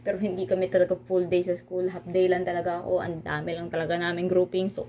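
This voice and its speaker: Chatty teenage girl, dark mellow voice. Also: fairly low pitch, a little hiss or hum. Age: teens. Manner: chatty, self-mocking, Taglish with many fillers. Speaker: student vlogger. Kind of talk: casual chat.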